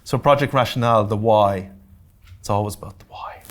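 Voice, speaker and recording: This Irish man's voice is on the low side yet fairly bright, and he speaks briskly. Presenting a grants workshop to a live audience in a community centre meeting room, he's direct and practical, mixing in joking asides and checks that the room is with him.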